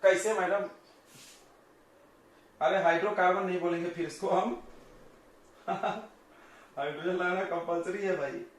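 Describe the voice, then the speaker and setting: A male coaching-class teacher giving a chatty chemistry lesson, joking with his students and firing quick questions at them. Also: high-pitched, steady tone. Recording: very echoey classroom, distant mic.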